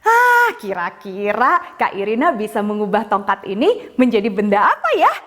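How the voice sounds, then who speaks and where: A woman's voice: mid-range voice, very animated, normal speed, a bit bright. A woman hosting for children like a kids party magician, playfully coaxing them with exaggerated surprise. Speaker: children's online church host and teacher. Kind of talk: children's magic show presenting.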